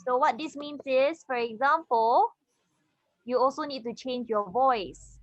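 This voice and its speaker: A woman's voice: high voice, unhurried, no room sound. Woman, Singaporean English accent, tutor, patient step-by-step explaining, dull lo-fi audio. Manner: explains step by step, checks in with students. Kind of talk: online class lesson.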